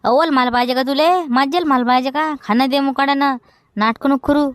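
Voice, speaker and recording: A comedy actress with a high voice plays Khandu, a shy young village man from Vidarbha, in a rural comedy sketch. She speaks briskly in a Vidarbha Marathi accent, bantering in character, with no echo on the recording.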